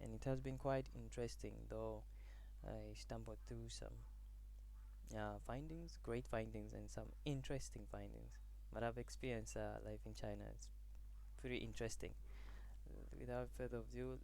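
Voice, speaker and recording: A young man from Zambia gives a class presentation, halting and restarting as he searches for words. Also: medium pitch, fairly even intonation, creaky, darkish tone, slight background noise. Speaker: student presenter.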